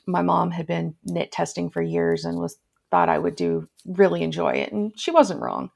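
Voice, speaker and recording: A woman in her thirties talks through her story in a relaxed podcast chat, her voice sitting a little low with plenty of vocal fry. She tells it with energy, slipping into little impressions of the people she quotes. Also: normal speed. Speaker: podcast guest, crochet tech editor.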